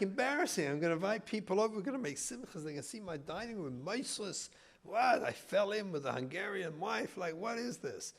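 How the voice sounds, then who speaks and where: Speaking with a fairly high pitch and vocal fry, a middle-aged man from England, a rabbi with an English accent, entertains a community hall audience with a funny talk. He tells stories and throws in mock-indignant asides.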